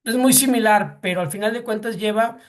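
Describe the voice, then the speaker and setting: A man's voice: sits high, fairly quick. A man with a Mexican Spanish accent teaching a class, hesitant, with many fillers and repeated words, asking the students questions. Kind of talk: classroom lecture.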